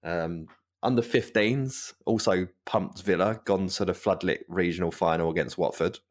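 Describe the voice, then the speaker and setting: Deep-voiced man in casual fan chat. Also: normal speed. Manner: chatty, laughs often, rambling asides. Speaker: podcast co-host.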